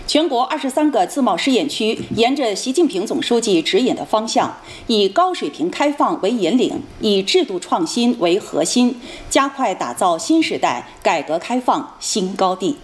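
A woman anchoring television news in standard mainland Mandarin, reading a script formally and authoritatively with crisp articulation. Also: mid-range voice, sing-song, normal speed, hardly any pauses.

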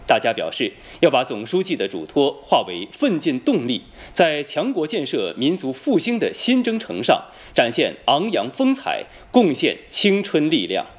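A man with a standard mainland Mandarin accent reading scripted news as an anchor, formal, measured and precisely enunciated. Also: on the high side, huge pitch swings. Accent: standard mainland Chinese Mandarin.

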